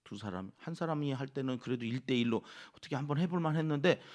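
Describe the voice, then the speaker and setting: A male pastor giving an early-morning sermon in a church, lively and acting out what others say. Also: medium pitch, fast talker. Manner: lively, acts out quoted speakers. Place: church sanctuary.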